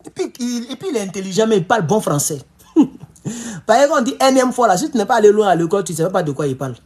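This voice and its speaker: Husky animated man. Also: sits high, very fast. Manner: animated, excitable, emphatic. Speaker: political commentator streaming live. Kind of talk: live-stream commentary.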